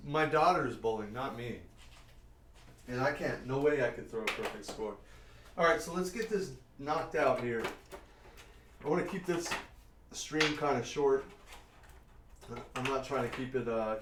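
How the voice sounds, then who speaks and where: A middle-aged man with a mid-range, somewhat bright voice chats casually on a live stream, rambling and answering viewers while he works in a warehouse workshop. The distant mic gives a roomy sound, and there's slight background noise.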